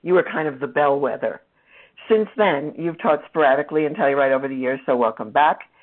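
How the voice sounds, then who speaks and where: An interviewer's mid-pitched voice comes through a narrow, tinny phone line. The questions are prepared and steady, setting up the guest's background. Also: a little fast.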